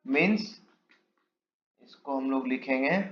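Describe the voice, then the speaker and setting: A man's voice: medium pitch, slow pace. Male trading teacher, casual walk-through, quizzes himself as he draws; lo-fi mic in an echoey room. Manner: explains while drawing, asks and answers his own questions. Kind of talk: casual step-by-step chart lesson. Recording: echoey room, dull lo-fi mic, faint hiss.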